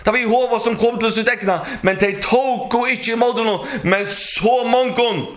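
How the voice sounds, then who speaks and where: A man with a high voice preaches a sermon in an echoey hall. He reads scripture aloud, stops often to hesitate, and draws call-and-response from his listeners. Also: fairly bright tone. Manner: preaching with call-and-response, halting with many fillers. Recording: echoey room.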